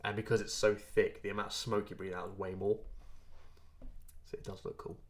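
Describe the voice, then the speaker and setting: A man's voice: on the low side, flat delivery, a little fast. A man in casual podcast chat, joking and sweary, and keen to explain things. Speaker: podcast co-host.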